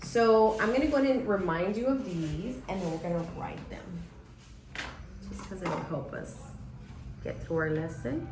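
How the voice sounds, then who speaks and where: A woman's voice: mid-range voice, animated, normal speed. Woman teacher running a reading lesson, patient, keeps checking in, echoey room w/ faint background hum. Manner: patient, checks in often with "okay?".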